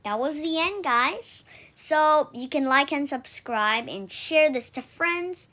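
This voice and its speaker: Reading a children's story aloud for an online read-aloud, a woman speaks in a fairly high, sharp-toned voice with lively intonation. Her delivery is very slow and halting, and she often trips on a word and repeats it before moving on.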